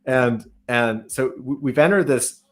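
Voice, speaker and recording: This man, a podcast host and startup founder, interviews a guest casually, rambling as he thinks aloud and restarting his questions. His voice is medium in pitch and fairly bright, and he talks a little slowly.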